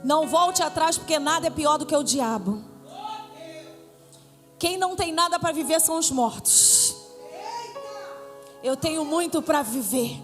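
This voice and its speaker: A high-pitched woman pastor with a Brazilian accent leads a Pentecostal sermon, teasing her congregation with riddles and building to shouted declarations. Her voice rings out in a church hall with a long reverb tail. Faint music plays behind her. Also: measured pace, long pauses. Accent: Brazilian Portuguese.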